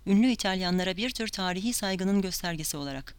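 A frightened young woman pressing hard with bad news, as an audiobook reader puts her on, insistent and tense. The voice is clear and smooth, recorded close and dry. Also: medium pitch, fast talker, no echo, natural voice. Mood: urgent.

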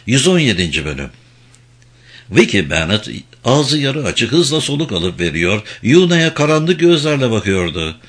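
A man narrating an audiobook in a dramatic, expressive reading style. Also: medium pitch, moderate pace. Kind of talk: scripted narration.

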